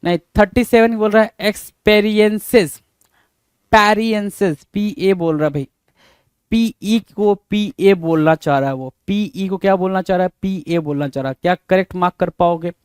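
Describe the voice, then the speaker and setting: High-voiced man spelling out words. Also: moderate pace, darkish tone, clean tone, dry recording, clean studio sound. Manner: repetitive, rhetorical questions, calls students "bhai". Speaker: English spelling teacher. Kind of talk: exam prep lesson, spelling out words letter by letter.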